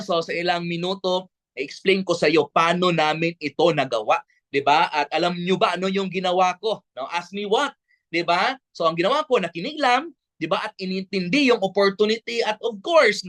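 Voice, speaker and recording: A Filipino man giving an energetic online sales presentation, tagging nearly every line with a quick question to the listener. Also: sits high. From Bukidnon, Philippines. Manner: peppers lines with tag questions; energetic, persuasive.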